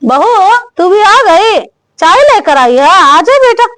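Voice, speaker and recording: Woman putting on an aging mother-in-law, high-pitched, bossy, drawn-out nagging, comic family sketch. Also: sing-song, a bit bright, heavily acted. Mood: contented. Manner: slow, scolding, drawn-out nagging.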